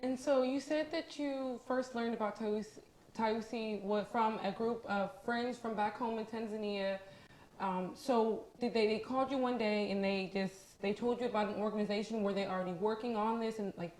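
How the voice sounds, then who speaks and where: A woman's voice: medium pitch, a little mellow, echoey room, a little hiss or hum. A woman hosting a studio interview, asking friendly, long, multi-part questions. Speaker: interviewer, network host.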